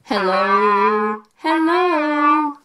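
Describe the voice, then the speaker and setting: A woman's voice: high-pitched, expressive, very slow, sharp tone. A woman testing a toy voice-changing megaphone in a casual toy demo, speaking playfully through it. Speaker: toy reviewer.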